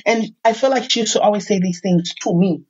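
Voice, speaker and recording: Husky middle-aged woman, candid storyteller. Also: medium pitch, brisk, muffled recording. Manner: emotional, animated storytelling with quoted dialogue. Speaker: podcast host sharing her life story. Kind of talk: candid personal conversation.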